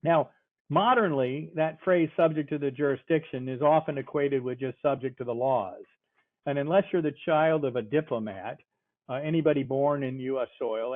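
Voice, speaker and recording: An older man giving a measured, explanatory talk on constitutional law over a call, pausing often with fillers. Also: mid-range voice, dry recording. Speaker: speaker, constitutional law scholar. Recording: tinny phone-like call audio.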